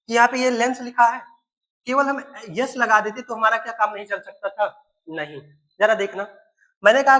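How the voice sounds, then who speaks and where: A male teacher speaks in a recorded classroom lesson. He addresses his pupils constantly, asking question after question. He slows down to spell words out one letter at a time. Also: sits high, sharp tone, rough recording. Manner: keeps quizzing students, spells words letter by letter.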